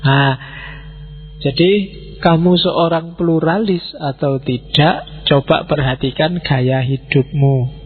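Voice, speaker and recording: A man's voice: on the high side, fairly even intonation, slow, pauses often, husky. A man giving an informal philosophy lecture, talking conversationally and putting questions straight to his listeners. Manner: conversational, mixes in Javanese words, asks listeners directly. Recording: tinny phone-like recording with faint music.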